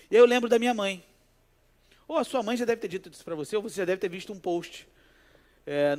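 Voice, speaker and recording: A pastor delivers a sermon, his voice sitting high for a man. He preaches in a lively, conversational way and weaves personal stories into the message. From Brazil.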